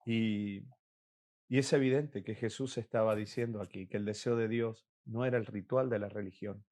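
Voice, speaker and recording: A man's voice: on the low side, a little mellow. A man preaching a sermon as pastor, earnest and emphatic, repeating key words for weight. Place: church.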